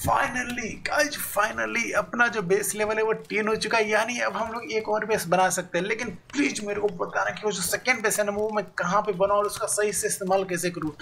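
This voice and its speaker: Male gaming YouTuber, high bright voice, chatty let's-play talk to viewers. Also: gravelly, a little hiss or hum. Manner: chatty, addresses viewers directly, thinks aloud. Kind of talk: casual let's-play commentary.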